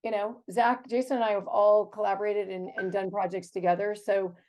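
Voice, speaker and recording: An American woman in her fifties hosts a casual video chat, chatty and enthusiastic, with fillers and laughs. Her mid-range voice is brisk, level in tone, and a little mellow.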